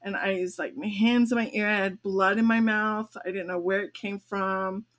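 An older woman, a grandmother who co-hosts a podcast, tells a long personal story in casual conversation, laughing often along the way. Her mid-range voice is a bit bright, with a steady tone and moderate pace.

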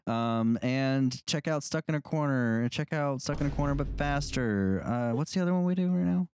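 A man's voice: mid-range voice, moderate pace, darkish tone, slight background noise. A man co-hosting a podcast, talking casually with blunt swears and stammered restarts. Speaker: podcast co-host. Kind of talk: casual chat.

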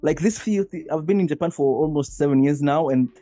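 A man with a mid-range, mellow voice explains his view quickly and steadily. It is a casual podcast chat, with faint music playing softly behind him. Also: on the high side. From Kenya.

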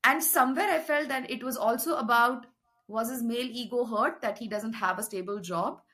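A woman's voice: fairly high pitch, moderate pace, bright, forceful tone. A woman with an Indian accent talking casually and emphatically about her opinions in a conversational film discussion.

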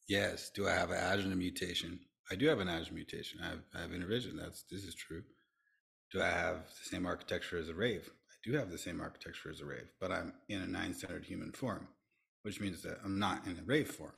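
A middle-aged man appears as a podcast guest, talking earnestly and reflectively in an interview while often restarting and repeating himself. His voice sits low, with creakiness and a fairly bright tone.

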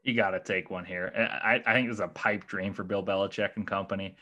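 A man's voice: low-pitched, steady tone, fast talker, bright, forceful tone, dull audio. A man talking through football draft picks in a casual podcast chat, thoughtful and hesitant, with many fillers and restarts, and bothered by the hiccups. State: has the hiccups. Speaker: guest analyst.

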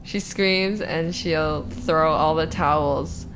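A woman's voice: deep voice, fairly even intonation, takes it slowly, noisy background. A woman co-hosting a podcast in casual chat, wry and blunt. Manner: wry, blunt, laughs between lines. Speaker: podcast co-host.

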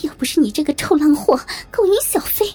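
A woman voicing an enraged, hungry young man who yells and curses with his pitch leaping up. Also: expressive, brisk. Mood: furious ranting. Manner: yelling, cursing, pitch leaping up. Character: furious starving young man lashing out.

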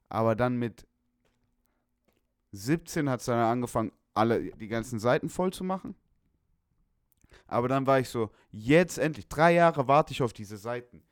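A man's voice: medium pitch, dry recording, clean studio sound. Slangy young man chatting animatedly. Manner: slangy, animated, swears and laughs often. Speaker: podcast co-host. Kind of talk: casual chat.

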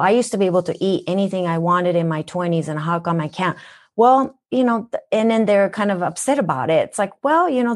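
Her voice is medium in pitch and a little mellow: a woman from Japan, Minnesotan in accent, being interviewed on a podcast as a wellness guest. She comes across as earnest and teacherly and asks rhetorical questions.

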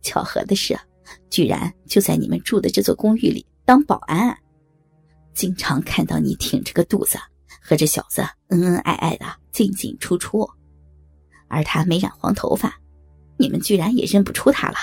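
A woman's voice: lowish voice, expressive, normal speed, creaky, darkish tone, husky, no echo, faint music behind, heavily acted. A woman voicing a cruel, vengeful young male thug who taunts with snickering laughs. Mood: taunting. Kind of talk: audio drama acting.

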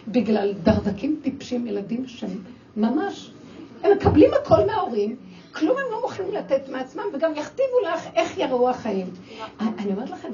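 An older woman giving an emotional religious talk to a group, exclaiming and acting out her own scolding of children. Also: a little high. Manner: animated, exclaiming, acts out quoted scolding. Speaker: speaker addressing a women's audience. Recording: distant, dull lo-fi with faint noise.

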